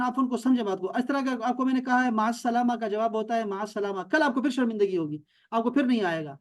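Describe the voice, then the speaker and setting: A man teaching an online language class, emphatic and drilling words over and over on a video call. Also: sits high. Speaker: Arabic teacher.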